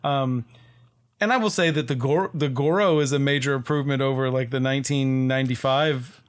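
A man with an ordinary middle-pitched voice, co-hosting a casual podcast. He rambles, restarts his sentences and trails into fillers while he thinks aloud. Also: steady tone, fairly quick. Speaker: podcast co-host. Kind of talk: casual chat.

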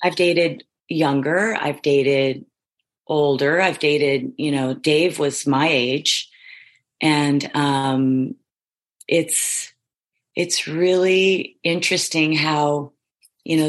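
In a casual interview, a middle-aged former reality show contestant speaks in a strikingly low, husky voice. Her sentences run long and loop around as she stacks idea upon idea. She sounds emphatic and self-affirming.

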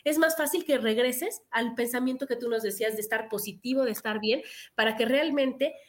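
A woman's voice: a little high, fairly quick. A woman, a guest on a radio talk show, explaining earnestly and asking herself rhetorical questions. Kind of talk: conversational radio discussion.

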